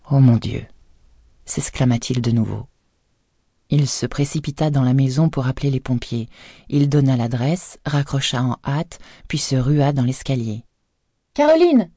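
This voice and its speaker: A woman narrating an audiobook in a measured, even storytelling manner, recorded close on a studio microphone. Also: very deep voice, breathy edge, dry recording.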